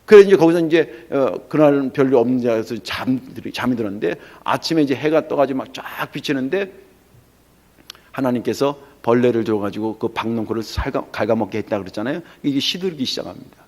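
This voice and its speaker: A middle-aged male pastor preaching a sermon in a lively, storytelling way, acting out the voices in the story. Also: medium pitch, a little fast.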